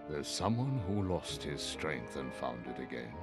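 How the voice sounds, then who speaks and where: Very deep-voiced, solemn old wizard. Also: male voice, big pitch swings, music in the background, heavily acted. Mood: grave. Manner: solemn, measured, formal. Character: stern old wizard master, grave and wise. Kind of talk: video game cutscene acting.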